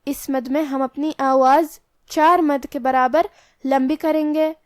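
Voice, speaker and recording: A woman teaching the rules of Quran recitation, explaining each pronunciation point slowly and carefully, step by step. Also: sits high, fairly even intonation, dry recording, clean studio sound. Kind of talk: tajweed lesson.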